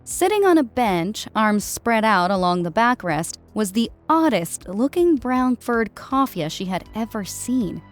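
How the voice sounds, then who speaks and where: A woman tells a story in a scripted audiobook style, her voice at a middle pitch, with faint background music behind it.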